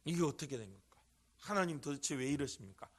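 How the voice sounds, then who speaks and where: A man's voice: medium pitch, animated, a little fast. A middle-aged man preaching an earnest sermon into a microphone in a church, rising to emphatic cries. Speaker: pastor. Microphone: handheld or stand microphone.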